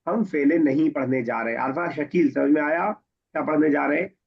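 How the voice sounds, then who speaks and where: A man's voice: on the high side, brisk, gravelly, husky. A man teaching an Arabic grammar class, patiently explaining and quizzing his students. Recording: dull lo-fi recording.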